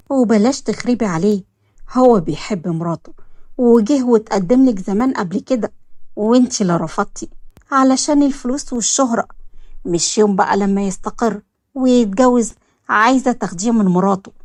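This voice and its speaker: A woman's voice: a little high, darkish tone, dry recording, clean studio sound, lightly acted. A woman with an Egyptian accent voicing a stern, protective older mother who speaks firmly and warns. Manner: firm, warning.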